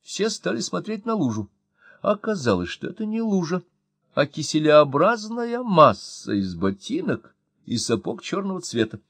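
A man reading a story aloud as narrator, expressive and wry. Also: high-pitched, normal speed, vocal fry, no room sound. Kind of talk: audiobook reading.

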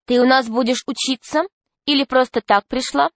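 A woman's voice: sits high, steady tone, normal speed, no echo, pitched above the performer's own voice. A woman reading a storybook, voicing a bossy, earnest schoolgirl class monitor who lectures her classmates. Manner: lecturing, stern.

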